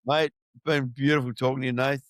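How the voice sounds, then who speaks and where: A middle-aged Australian man talking with a guest, blunt and sweary, calling everyone mate. His voice sits at an ordinary middle pitch. The sound is close and dry, with no room around it. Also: level tone, fast talker, no room sound. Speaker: podcast host. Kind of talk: casual interview chat.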